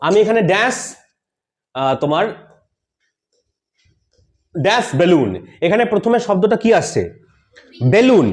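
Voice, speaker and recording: His voice sits high with a darkish tone as he gives a classroom-style grammar lesson, teaching English grammar in style. Posing questions he then answers, he restates the main points and often asks "Am I clear? Yes or no?"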